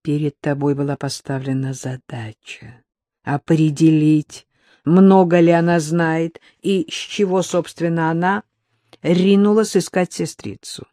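A man reading the part of a cold, scheming female crime boss who speaks in a measured, menacing way. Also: on the high side, steady tone, dark tone, no echo, clean studio sound, close to an everyday voice.

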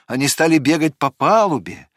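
A man narrating a fairy tale audiobook in an expressive, measured storytelling manner. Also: on the high side, no room sound, clean studio sound.

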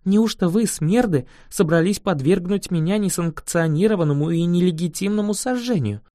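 A man's voice: high-pitched, moderate pace, dark tone, no room sound, studio quality, lightly acted. A man voicing a defiant, haughty young girl speaking with a challenge.

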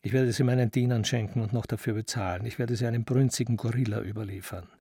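A man's voice: medium pitch, fairly even intonation, fast, mellow, husky, no room sound, clean studio sound. A man reading the part of a distraught, jealous young husband who swings between rage and brooding. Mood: vengeful. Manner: raging, then brooding.

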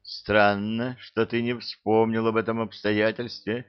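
A man's voice: fairly low pitch, flat delivery, measured pace, smooth, lo-fi sound, lightly acted. A man voicing a grumpy, sarcastic male cook who talks bluntly and scolds. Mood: grumbling. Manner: grumbling, blunt.

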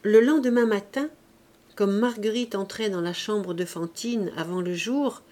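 A woman reading a classic novel aloud as an audiobook narrator, in clear, even scripted narration. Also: mid-range voice, a little slow.

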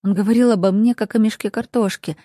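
Warm-voiced woman narrating an audiobook. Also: mid-range voice, steady tone, fast, dry recording, studio quality. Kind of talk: first-person audiobook narration.

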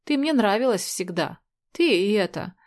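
A woman's voice: mid-range voice, animated, moderate pace, lightly acted. Woman doing a drunk, sneering young thug. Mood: leering. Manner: sneering, spits out insults. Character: drunk brutish young man, crude and menacing.

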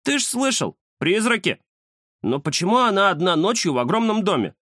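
A man voicing a chatty, boastful male house cat who talks fast and fussily in an audiobook. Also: high voice, no echo, studio quality, voice pushed up, exaggerated voice. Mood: indignant. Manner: excitable, fussy, know-it-all. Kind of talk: audiobook character voice.

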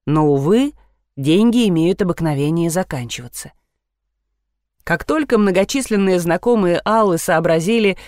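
A woman reading a novel aloud in the first person at a steady, even pace. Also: on the low side, dry recording, studio quality. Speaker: audiobook narrator.

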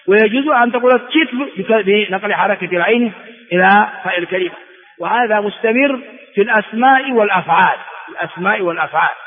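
A man from Ethiopia, a religious scholar teaching a class, who repeats words for his students and asks them quick rhetorical questions. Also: sits high. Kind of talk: classroom lecture explaining a text. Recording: phone-like sound with long hall reverb.

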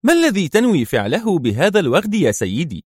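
A man voicing a calm, sly young female spy partner. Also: high voice, fast talker, breathy edge, no echo, studio quality, pitched above the performer's own voice, heavily acted.

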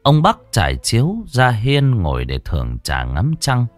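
A male narrator telling a ghost story with an expressive, shifting delivery. His voice is very deep yet lively in pitch. The recording is close and dry. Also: normal speed, no room sound, soft background music.

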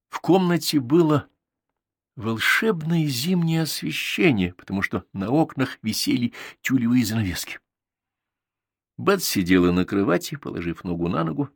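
A man narrating an audiobook in a steady, even storytelling manner. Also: fairly low pitch, no echo, clean studio sound. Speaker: audiobook reader. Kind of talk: scripted narration.

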